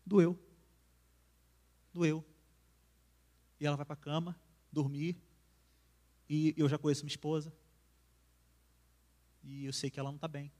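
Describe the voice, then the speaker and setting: Brazilian male preacher, casual sermon voice, slightly high pitch, chatty then tender. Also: level tone, normal speed, pauses often. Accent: Brazilian Portuguese. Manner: conversational, acts out quarrels, drops to soft intimate tone. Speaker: singer preaching at church. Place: church.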